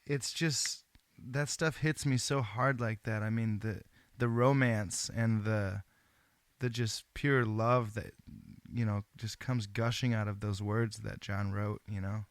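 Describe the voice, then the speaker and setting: A man with a smooth, resonant voice, recorded dry and close. He talks in a laid-back, earnest way, full of slang and the odd curse, as he hosts a relaxed chat. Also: fairly low pitch, takes it slowly, dry recording. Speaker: host. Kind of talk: casual phone chat.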